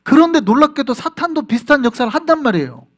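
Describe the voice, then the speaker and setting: A male pastor with a very high-pitched voice preaches at a quick pace, delivering his sermon animatedly. He acts out little scenes and puts rhetorical questions to the congregation.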